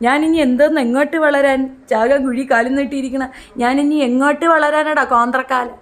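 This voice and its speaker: High-voiced woman ranting, scolding. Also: steady tone, a little fast. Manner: scolding, confrontational, taunting. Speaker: channel host. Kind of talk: heated rant to camera.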